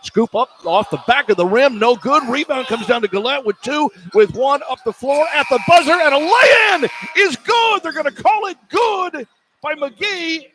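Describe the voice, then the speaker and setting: This man's voice is very high-pitched, with lively intonation and normal speed. He calls a basketball game live for radio from courtside, using clipped, running phrases, while arena noise and ambience come through clearly.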